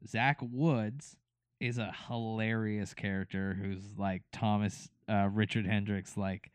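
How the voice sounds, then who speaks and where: A man's voice: lowish voice, steady tone, slow, clean tone, no echo. A man co-hosting a podcast, chatting casually about a TV show with lots of fillers and restarts. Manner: rambling, many fillers and restarts. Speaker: podcast co-host. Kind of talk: casual chat recapping a TV show.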